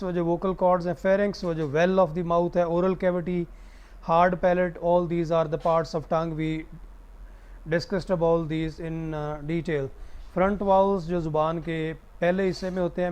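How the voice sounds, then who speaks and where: A male phonetics teacher, reviewing a past lesson for his students. His voice sits high and sounds smooth and resonant. He switches between Urdu-Hindi and English technical terms as he reads out lists of sounds. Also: darkish tone, lo-fi sound. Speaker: phonetics lecturer. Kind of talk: recorded lecture recap.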